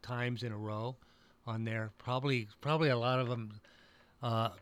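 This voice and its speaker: On a radio show, a computer-class instructor talks in a chatty way, often tripping over his words and starting again. His voice is mid-range, steady and clean, and he slows down to read out contact details.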